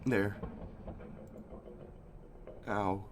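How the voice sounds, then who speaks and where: A man's voice: fairly low pitch, very slow, music in the background. A man reading aloud and reacting as he plays through a game on a live stream. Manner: animated, reacting loudly and reading text aloud.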